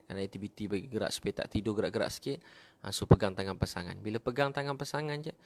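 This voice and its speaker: A young man preaching a sermon, telling lively stories with humor and emotional turns. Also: medium pitch.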